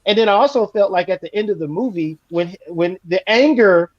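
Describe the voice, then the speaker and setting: A high-voiced man weighing in on a movie review podcast. He speaks carefully and keeps restarting his sentences. His voice sounds muffled and dry, as if recorded close with a lo-fi setup. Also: dry recording. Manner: measured, hesitant with restarts. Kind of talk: casual movie review chat.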